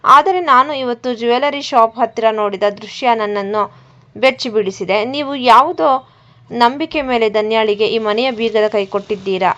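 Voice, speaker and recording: A woman's voice: on the high side, fairly bright tone. A woman voicing a scheming young woman who pleads in a whining, falsely tearful way, on a dull lo-fi recording. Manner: whining, pleading tone that hides spite.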